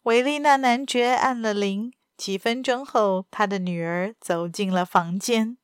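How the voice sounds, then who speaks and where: A woman narrating a novel aloud as a storyteller in a steady, even manner. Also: mid-range voice, unhurried, clean tone, dry recording, studio quality.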